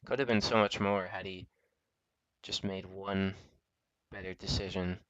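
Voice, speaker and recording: A man commentating a live sim race, reacting quickly and excitedly to the action on track. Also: deep voice, highs cut off, a crowd in the background.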